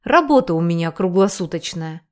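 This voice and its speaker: A woman reading an audiobook, voicing a huge amorous man with a rumbling voice. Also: animated, a little fast, close to an everyday voice. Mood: calm. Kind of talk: audiobook character voice.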